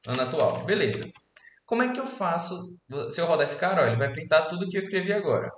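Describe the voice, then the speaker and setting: A man's voice: fairly high pitch, fast talker, a little hiss or hum. A man in his twenties from Alagoas, Brazil, casually explaining code in a screen-recorded programming lesson and checking in often with his students. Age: 20s. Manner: casual, relaxed explaining with frequent "beleza?" check-ins. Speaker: programming instructor. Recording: echoey room with faint keyboard typing.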